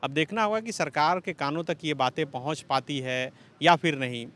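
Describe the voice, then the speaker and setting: A man reporting from a protest site, speaking in a measured, explanatory way with some fillers. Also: a little high, fairly bright tone. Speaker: field reporter. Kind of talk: news field report. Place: outdoors in a city. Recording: faint outdoor street noise.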